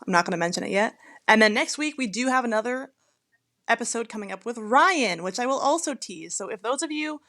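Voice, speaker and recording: A woman's voice: medium pitch, a bit bright. A woman co-hosting a podcast as a police officer, casual and teasing, swearing freely. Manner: blunt, profane, teasing.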